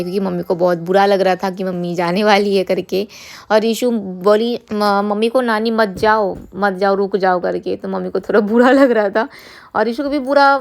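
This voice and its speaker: A woman's voice: medium pitch, gravelly. A woman, a single mother chatting casually in a vlog and venting about critics. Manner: chatty, venting, switches to soft talk with her child.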